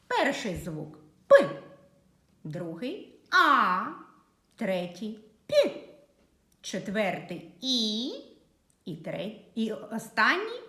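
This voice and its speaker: Slow, patient woman teaching children. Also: on the high side, echoey room. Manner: slow, clear, patient dictation to young pupils. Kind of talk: early literacy lesson for children.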